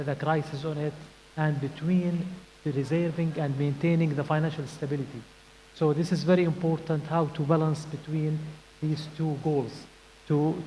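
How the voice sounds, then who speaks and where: A man speaking on a conference panel, pausing often with "uh" as he searches for words. His voice is mellow and a little raised, and the sound carries a long hall reverb with a faint hiss beneath it. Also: on the high side. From Jordan. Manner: hesitant, many fillers and restarts. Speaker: financial regulator panelist. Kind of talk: panel discussion remarks.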